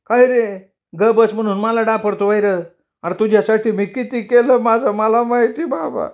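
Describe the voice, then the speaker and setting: A man's voice: high-pitched, fairly even intonation, normal speed, voice pushed up. A male storyteller voicing a quarrelsome village woman, the hero's elder sister, with a scolding, taunting manner. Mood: indignant.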